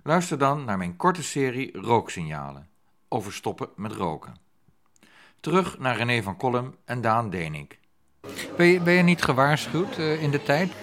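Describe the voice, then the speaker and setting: A man's voice: mid-range voice, very animated, fairly bright tone. A man hosting, asking probing questions and introducing clips. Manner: probing, measured. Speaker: host. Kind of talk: interviewing and presenting.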